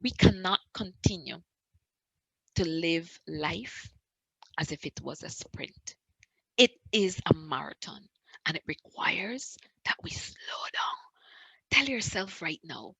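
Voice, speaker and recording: A woman speaks slowly in a bright, forceful voice, giving a motivational wellness talk to a live online audience. She repeats her phrases, pushing some lines loud and dropping others to near-whispers. The sound is dry and close. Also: lowish voice, breathy edge, no room sound, rough recording.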